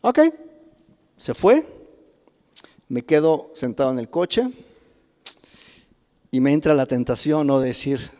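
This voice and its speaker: A middle-aged man with a Mexican Spanish accent preaching a sermon, telling personal stories with frequent chuckles and loud exclamations. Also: medium pitch, takes it slowly, pauses often. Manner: animated, chuckles often, rises to loud exclamations. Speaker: pastor. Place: church sanctuary. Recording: reverberant church hall.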